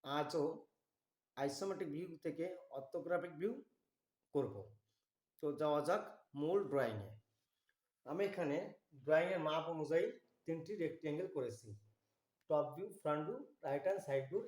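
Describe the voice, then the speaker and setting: A man giving a slow, methodical drawing tutorial, walking through each step. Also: fairly high pitch, darkish tone, roomy sound. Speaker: drawing instructor.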